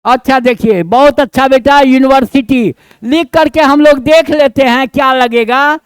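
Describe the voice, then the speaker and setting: This clip has a man with a very high, clear and resonant voice talking at normal speed, free of echo. He is a grammar teacher with a Bihari Hindi accent giving a classroom lesson, scolding and coaxing in a homely, colloquial way and keeping the students involved by asking questions and checking on them.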